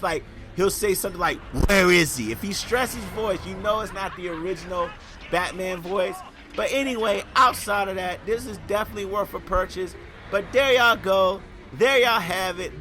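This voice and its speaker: A man's voice: high voice, bright, forceful tone, a little hiss or hum. A young man giving a casual video game review, chatty and talking straight to his viewers as y'all.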